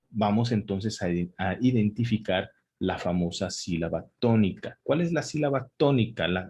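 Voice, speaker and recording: A man talks through a spelling lesson spontaneously, hesitant and full of fillers and restarts, checking in with "¿sale?" along the way. His voice is fairly low, a little mellow, with a breathy edge.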